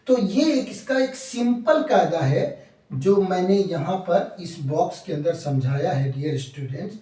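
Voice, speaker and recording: A man's voice: sits high, dark tone. A man with an Urdu accent teaching English grammar in a lecture, spelling words letter by letter and asking and answering his own questions. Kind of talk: classroom lecture. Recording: echoey room, mic at a distance.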